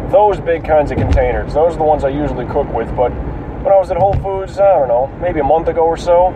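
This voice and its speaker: A somewhat high-voiced man chats casually while congested with a cold, his voice crackling and breaking as he goes. He rambles in a halting, sweary way. The recording is dull and a bit distant from the mic, with clear vehicle noise around him. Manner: colloquial, profane, halting. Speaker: podcast host. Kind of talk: casual rambling solo chat.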